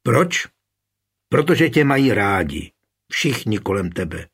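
A man reading the part of a calm, wry, confident suitor in an audiobook, with a husky voice. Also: medium pitch.

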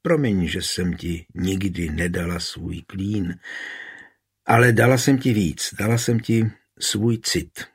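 A dying queen, soft and husky, as a man reads her lines. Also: low voice. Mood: tender, weak. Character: dying queen, tender and frank. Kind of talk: audiobook reading.

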